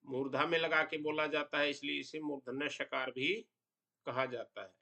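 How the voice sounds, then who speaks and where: A man teaching a Sanskrit pronunciation lesson, explaining slowly and deliberately and drawing out example sounds. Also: a little high, steady tone, vocal fry, bright, forceful tone.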